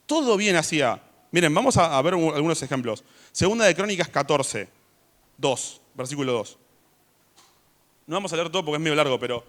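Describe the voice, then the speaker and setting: Guy preaching in church, kinda high voice, chatty then booming on the verses. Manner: conversational, rising to loud emphasis when reading scripture. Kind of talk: sermon.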